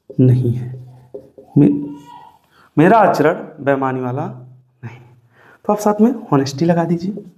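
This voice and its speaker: Warm in tone and high in pitch, a man dictates English grammar notes as if in a classroom, weaving English terms through his talk. He coaxes viewers again and again with questions, calls them brother and sir, and tells them to write things down.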